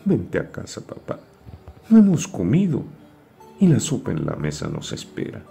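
A man's voice: medium pitch, very animated, unhurried, mellow, faint music behind, voice pushed up. A man reading a poem aloud and voicing a six-year-old boy begging his father to come home. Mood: pleading. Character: frightened little boy, about six, pleading.

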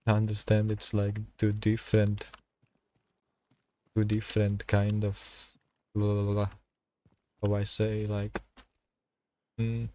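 A man streaming a survival game, talking to himself and his chat in halting, while he plays. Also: fairly low pitch, slight background noise. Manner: halting non-native English, thinking aloud while playing. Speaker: gaming streamer. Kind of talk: casual gameplay commentary.

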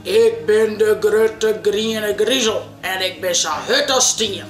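A woman voicing a gruff, menacing big green monster in a children's storybook, speaking slowly in a lowered voice. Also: echoey room, soft background music, lightly acted.

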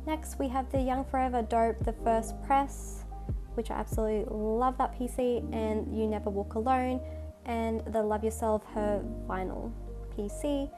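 A fairly high-pitched woman speaks at a moderate pace with fairly even intonation, sounding like she has a slight cold. As a channel host and photocard collector, she gives a casual, chatty, enthusiastic voice-over while showing her collection. It was recorded separately from the room shown, over background music.

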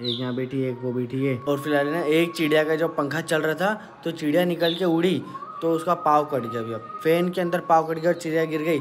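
A man chatting casually to camera in a family vlog, telling stories and narrating his day. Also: mid-range voice. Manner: chatty, talks to camera and coos at a baby. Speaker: vlogger.

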